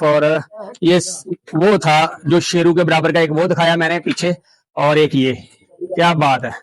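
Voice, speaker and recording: A man from Pakistan, vlogging a cattle farm tour outdoors, exclaiming in delight and coaxing the animals softly. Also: on the high side, poor audio. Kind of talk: casual walkthrough commentary.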